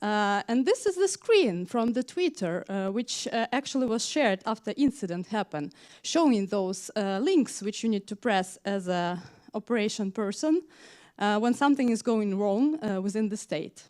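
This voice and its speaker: A woman's voice: mid-range voice, lively intonation, moderate pace, darkish tone. A woman from Ukraine giving a conference talk, speaking with many hesitations and frequent fillers. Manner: hesitant, frequent "uh" fillers, non-native grammar. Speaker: conference speaker, tech manager. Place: conference hall.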